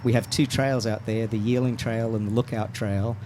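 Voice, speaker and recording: A man's voice: fairly low pitch, little pitch movement, moderate pace, noisy background. A man as a radio talk show guest, explaining steadily with frequent restarts. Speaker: mountain bike advocacy guest.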